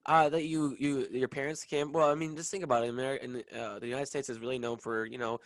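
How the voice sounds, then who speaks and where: A man's voice: medium pitch, little pitch movement, dry recording. Young man hosting with a dry sound. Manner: halting, many fillers and restarts, upbeat. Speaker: podcast host. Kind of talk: casual interview chat.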